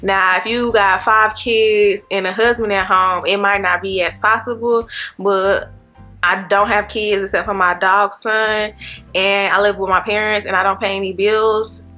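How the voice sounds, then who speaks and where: A young woman in her late twenties talks to her viewers in a loose, rambling vlog, calling them y'all. Her voice is bright and clear. Soft music plays faintly underneath. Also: mid-range voice, fairly even intonation, a little slow. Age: 20s. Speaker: vlogger, nursing student. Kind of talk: casual chat to camera.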